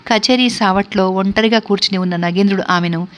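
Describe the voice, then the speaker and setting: A woman storyteller narrating a classic novel in a steady, measured reading voice. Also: medium pitch.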